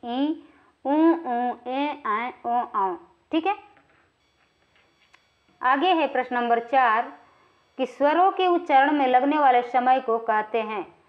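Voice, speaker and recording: High-voiced woman teaching grammar. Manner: explanatory, frequently checks in with "ठीक है" and draws vowels out when naming sounds. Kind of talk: exam-prep lecture, reading and explaining quiz questions. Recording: slightly dull, lo-fi recording.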